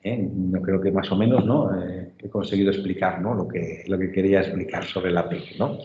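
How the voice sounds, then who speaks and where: Teacher in an echoey, dull-sounding room. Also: male voice, deep voice, steady tone, moderate pace, warm tone, a little hiss or hum. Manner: patient, checks understanding with frequent tag questions. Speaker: literature teacher. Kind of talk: online class lecture.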